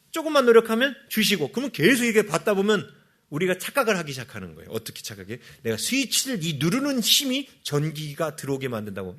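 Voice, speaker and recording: Lively, animated male pastor preaching. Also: on the high side. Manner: animated, asks the congregation questions and answers them himself. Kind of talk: sermon.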